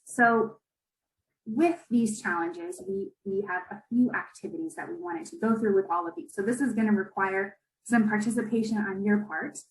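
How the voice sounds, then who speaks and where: A woman's voice: medium pitch, fairly even intonation, moderate pace, roomy sound, poor audio. Chatty young woman presenting on a call. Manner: conversational, with many fillers and "right?" tags. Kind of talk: online presentation. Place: video call.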